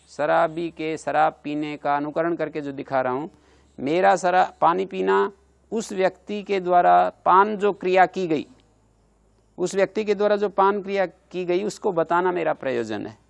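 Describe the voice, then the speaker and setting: Pitched high and speaking at a moderate pace with noticeable vocal fry, a male teacher leads a grammar lesson. He breaks each point into steps and stops to ask his audience questions along the way.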